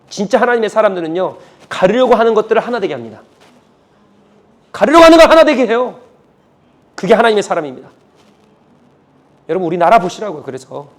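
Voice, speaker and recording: A male pastor preaching a sermon, emphatic and repetitive, dropping from loud urging to a hush. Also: sits high. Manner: emphatic, repetitive, swings between loud and hushed.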